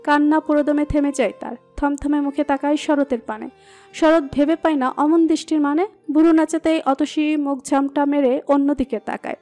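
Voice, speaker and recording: Brief: female storyteller, high mellow tone, steady expressive narration. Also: normal speed. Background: soft background music.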